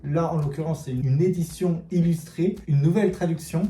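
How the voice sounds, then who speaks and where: A man hosting a casual book cover quiz vlog, thinking aloud and often trailing off softly. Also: on the high side, fairly even intonation, normal speed. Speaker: book vlogger. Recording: roomy echo, faint background music.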